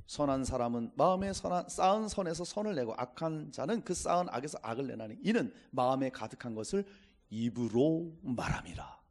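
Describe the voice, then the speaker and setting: High, lively-voiced male pastor preaching. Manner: preaching with acted-out quotes and scripture readings. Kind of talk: Sunday sermon.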